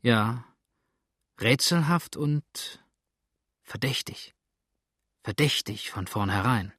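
A man's voice: medium pitch, moderate pace, no echo, clean studio sound, close to an everyday voice. A man reading an urgent young farmer. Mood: earnest.

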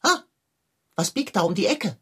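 A woman's voice: mid-range voice, very animated, normal speed, a bit bright, breathy edge. A woman voicing a plump, scheming male tomcat who talks in theatrical, old-fashioned phrases and turns wheedling and mock-innocent. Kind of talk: children's radio play acting.

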